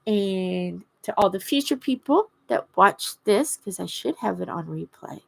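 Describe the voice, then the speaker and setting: A woman chatting casually and haltingly on a livestream, her words slightly impeded by a swollen lip. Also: medium pitch, expressive, gravelly, breathy edge. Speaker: craft livestream host. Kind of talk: casual rambling livestream chat.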